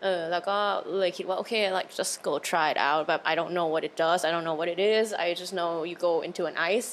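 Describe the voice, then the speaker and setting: A young adult woman hosting a podcast in casual chat, curious and lively, laughing easily. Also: fairly low pitch, slow, a little hiss or hum. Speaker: podcast host. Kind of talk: casual interview chat mixing English.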